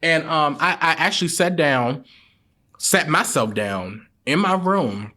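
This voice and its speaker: A man, a celebrity publicist, telling stories as a guest in a casual podcast chat, emphatic and repeating words as he gathers his thoughts. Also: measured pace. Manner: animated, emphatic, leaps up in pitch when excited.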